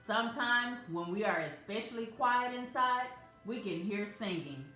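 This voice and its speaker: A woman reading a picture book aloud to children as a storyteller, in a gentle, measured way. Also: on the high side, animated. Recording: very echoey room, faint music.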